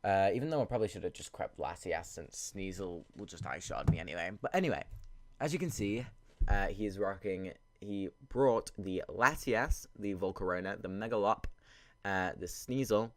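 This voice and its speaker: A man's voice: low voice, animated, moderate pace, no echo. A man sniffly and congested with a cold, giving casual, rambling gameplay commentary and thinking aloud. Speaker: video game battle commentator.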